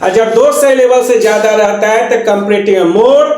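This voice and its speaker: A man's voice: high-pitched, moderate pace, darkish tone, very echoey. A man with a Hindi accent teaching an English grammar lesson, repeating terms and asking and answering his own questions. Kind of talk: classroom lesson explaining grammar.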